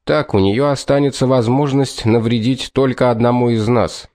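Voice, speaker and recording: A man voicing a calm, matter-of-fact male pilot in an audiobook. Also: medium pitch, moderate pace, close to an everyday voice.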